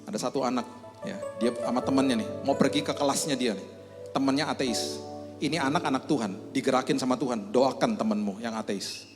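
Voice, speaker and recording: Man, pastor, sermon, storytelling with lively quoted voices, long church-hall reverb, faint music behind. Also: brisk. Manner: storytelling, acts out quoted voices with big pitch leaps.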